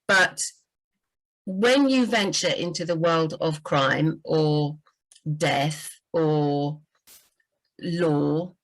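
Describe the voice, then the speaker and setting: A woman's voice: sits low, drawn-out words, long pauses, poor audio. A woman, a book editor, talking casually about writing, full of "you know" and restarts. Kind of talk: casual livestream chat.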